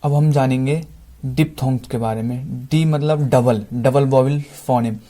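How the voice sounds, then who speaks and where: Indian male tutor, flat delivery, unhurried, explains and repeats words one at a time. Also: medium pitch. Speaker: English teacher. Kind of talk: Hindi-language phonetics lesson.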